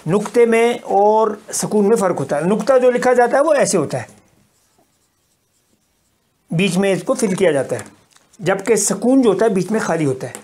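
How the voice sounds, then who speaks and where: A man's voice: sits high, animated, long pauses, a little mellow. Patient man teaching Arabic vowel marks. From Kashmir. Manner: patient, repetitive explaining, drawing out example syllables. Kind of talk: recorded language lesson.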